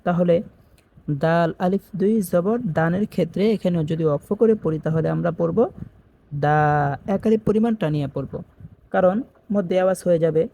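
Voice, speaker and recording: A man's voice: high-pitched, vocal fry, mellow, slight background noise. Patient man spelling words for learners. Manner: patient, spells letters slowly and repeats each word. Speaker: Quran reading teacher. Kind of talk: step-by-step spelling lesson.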